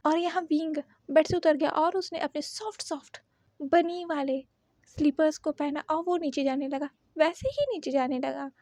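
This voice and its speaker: A woman narrating a fan fiction story in an expressive, repetitive way. Her voice is very high, and the recording is dry and close-miked. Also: normal speed, no echo.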